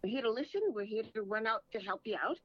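A woman's voice: on the high side, quick pace, no echo, muffled recording. A woman who owns a pharmacy, answering interview questions in a direct, plain way. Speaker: pharmacy owner, guest.

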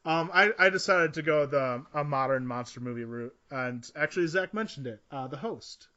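A man's voice: a little high, animated, moderate pace, bright, forceful tone. A man co-hosting a casual movie podcast, talking in a hesitant way with many restarts. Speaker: podcast co-host. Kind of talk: casual chat about movies. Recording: slightly dull lo-fi audio.

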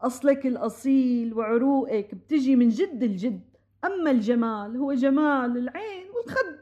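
A busybody Syrian matchmaker neighbor; slightly high, theatrical, rapid patter for a comic audio play. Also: female voice, expressive, mellow, muffled recording. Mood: playful. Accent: Syrian Arabic. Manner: rapid, theatrical, talks over others. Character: chatty meddling middle-aged matchmaker neighbor woman. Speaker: comic audio drama actress. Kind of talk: comic radio-play acting.

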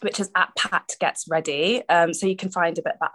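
Woman, slightly low pitch, conversational interviewee, informal, reflective. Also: a little fast, a bit bright. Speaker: theatre director being interviewed.

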